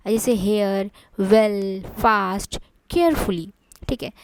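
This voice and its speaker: A woman with an Indian accent teaching English grammar in Hindi. She explains step by step, repeats key terms and reads English example sentences out slowly. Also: medium pitch, slight background noise.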